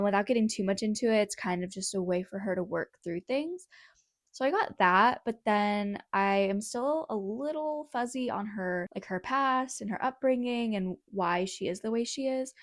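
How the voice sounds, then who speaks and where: Filming on her phone from a bedroom in her parents' suburban house, a young writing vlogger in her twenties talks casually, rambling and self-deprecating. The mid-range voice is clean with studio-like sound and no room echo.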